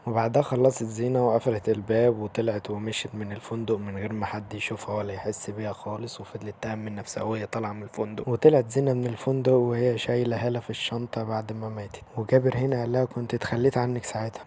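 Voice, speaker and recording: A man's voice: medium pitch, mellow, a little hiss or hum. A man with an Egyptian accent narrates an episode recap, retelling each scene and quoting the dialogue line by line. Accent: Egyptian Arabic. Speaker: video channel host recapping a TV series.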